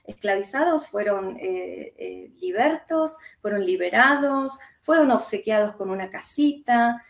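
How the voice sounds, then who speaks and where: A woman's voice: medium pitch, expressive, a little slow, creaky, roomy sound. A woman from Argentina, an author and historian, speaking with an Argentine accent in a reflective interview, thinking aloud with frequent hesitations. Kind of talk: interview conversation.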